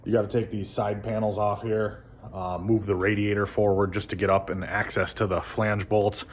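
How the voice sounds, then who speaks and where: A man casually talking through motorcycle work in his garage, relaxed and rambling with many ums. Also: fairly low pitch, moderate pace, a little hiss or hum. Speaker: motorcycle vlogger. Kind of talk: casual how-to narration.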